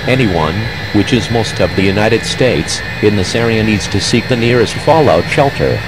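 A man reads a scripted emergency alert that interrupts regular programming. His voice sits a little low, and his delivery stays flat, measured and official. Steady background noise runs clearly under the broadcast audio. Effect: emergency alert broadcast cutting into regular programming.

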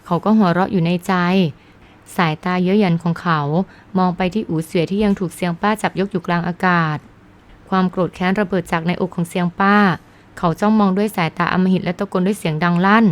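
A woman calmly narrating a novel in a scripted audiobook reading. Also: lowish voice, fairly quick.

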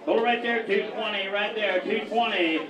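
Auctioneer guy rolling thru bids fast, kinda high voice, echoey hall, crowd noise. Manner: rapid rhythmic bid calling. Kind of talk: auction chant. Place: large community hall with crowd. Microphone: handheld mic, heard from far. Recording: roomy distant lo-fi hall recording with crowd.

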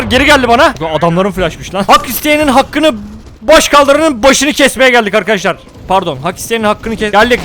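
A young man giving jokey, excitable commentary on his own gameplay, often shouting at other players during fights. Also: high voice. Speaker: gaming YouTuber. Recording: game audio with music and gunfire behind. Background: music and gunfire.

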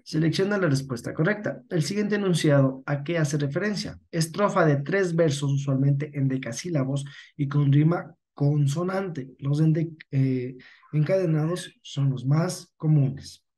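A man with an Ecuadorian Spanish accent patiently leads an online lesson, often self-correcting and checking that everyone follows along. His voice is a little high and darkish, delivered at a measured pace.

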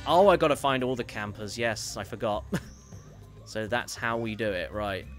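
A man's voice: on the low side, normal speed, faint music behind. A man streaming a video game, chatting casually and reading viewer messages aloud, rambling and correcting himself as he goes. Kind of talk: casual gameplay commentary.

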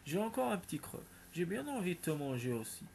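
A man voicing a frightening, greedy female ogress from a folk tale, loud and demanding. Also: sits high, big pitch swings, fairly quick, creaky, a little hiss or hum, full character voice.

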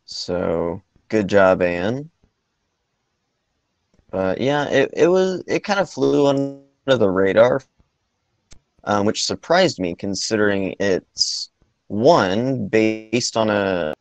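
A man chats slowly through a movie podcast, with frequent pauses and restarts. His voice sits very low and has a gravelly fry to it. The recording is dry and close. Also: expressive, no room sound. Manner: hesitant, many ums and restarts. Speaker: podcast co-host. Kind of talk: casual movie podcast chat.

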